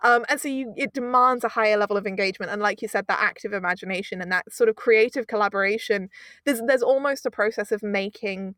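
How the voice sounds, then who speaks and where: An audio drama producer appears as an interview guest, talking effusively and emphatically and often drifting into asides. Her mid-range, fairly bright voice moves fast, captured with studio quality and no echo.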